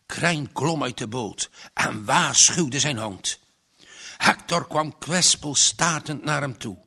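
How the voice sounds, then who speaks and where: A man reads a story aloud in a slow, deliberate tempo. His voice is gravelly yet bright, and his pitch moves in a lively way. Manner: lively, expressive read-aloud delivery. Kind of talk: storybook reading.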